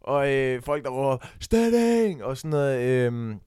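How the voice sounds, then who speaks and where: A young man, co-hosting a podcast and telling a story with excitement, acting out the shouts he quotes. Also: mid-range voice, smooth, dry recording, clean studio sound. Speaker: podcast co-host. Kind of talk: casual chat.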